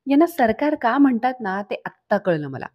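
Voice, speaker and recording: A woman's voice: on the high side, sing-song, normal speed, dry recording, lo-fi sound. A woman voicing a street-smart young man who banters cheekily and stirs up trouble, within a recap of a TV serial. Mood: mock outrage.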